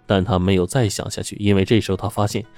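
A man narrating a serialized story in a steady, dramatic storytelling manner. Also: on the low side, fast talker, no echo, soft background music.

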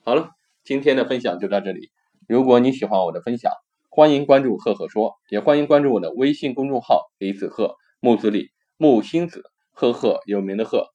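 Male talk show host, earnest storyteller, medium pitch, dull recording. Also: expressive, fairly quick, warm tone. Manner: reflective, earnest.

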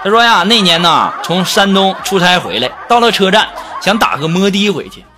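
A man's voice: high-pitched, normal speed, background noise. A man hosting a comedy show, reading listeners' jokes and wisecracking about them. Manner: wisecracking, animated. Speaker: radio-style comedy host. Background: background music.

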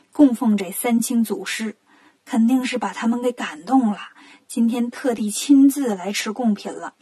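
A woman's voice: on the high side, warm tone, breathy edge. A woman voicing a scheming old male Taoist priest in a children's storybook, eager and persuasive.

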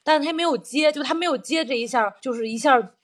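A woman's voice: sits high, brisk. A woman telling a personal story in casual conversation, earnest and self-reflective, explaining her feelings at length.

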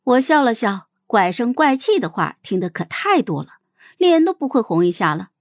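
A young adult woman narrates a first-person story as an audiobook host, in a measured and expressive way. Her voice sits fairly high and moves a lot in pitch. The recording is dry and close, with no room sound. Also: no echo.

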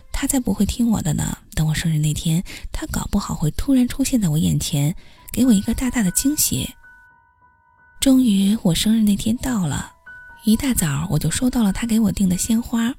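A woman with a mellow, gravelly voice tells her own story in the first person, like a podcast host reading to listeners. She mocks herself wryly as she goes. Soft music plays faintly behind her. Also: mid-range voice, expressive, normal speed. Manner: wry, self-mocking storytelling.

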